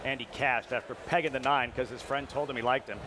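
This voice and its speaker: A man's voice: mid-range voice, steady tone, fairly quick. A man hosting a live horse racing broadcast, talking from outdoors beside the track at a racetrack. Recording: loud outdoor trackside noise.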